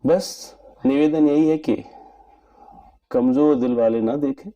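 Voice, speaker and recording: A man giving an earnest, measured spoken movie review in formal wording. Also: medium pitch, warm tone, muffled recording. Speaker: film reviewer.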